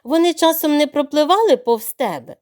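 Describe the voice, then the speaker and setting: A small, clever duckling from a bedtime audio tale speaks politely and firmly, as a woman voices it. The voice sits a little higher than the storyteller's own, with a lively lift. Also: moderate pace. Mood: earnest. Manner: polite and firm.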